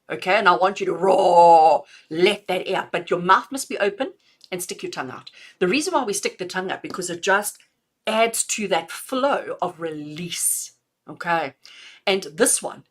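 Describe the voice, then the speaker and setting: A middle-aged woman, a spiritual healer, leading a live breathing lesson, switching between slow calm counting and animated, laughing explanation. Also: mid-range voice. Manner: animated, laughs often, counts slowly and calmly.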